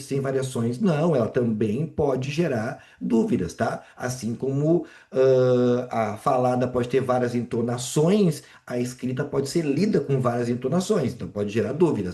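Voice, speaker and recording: Male Portuguese teacher, mid pitch, dark mellow tone, echoey video-call sound, casual live class. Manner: casual, checks in with students often. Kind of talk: live online exam walkthrough.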